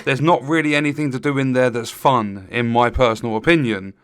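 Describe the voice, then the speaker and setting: Male game reviewer, crisp smooth voice, frustrated but matter-of-fact complaints, dry voice-over sound. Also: mid-range voice, a little fast, no room sound. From Europe.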